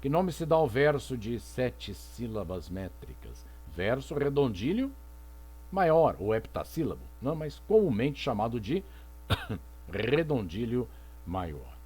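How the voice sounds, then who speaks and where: Slow, lively-voiced male teacher. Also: mid-range voice, slightly rough. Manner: didactic, asks rhetorical questions and answers them; reads poetry aloud slowly. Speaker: literature teacher. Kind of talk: recorded lecture.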